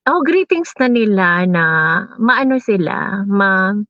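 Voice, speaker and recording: A woman's voice: mid-range voice, big pitch swings, slow pace, no room sound, dull audio. A woman chatting casually as host, mixing Tagalog and English and laughing often. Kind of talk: casual chat. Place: abroad in New Zealand.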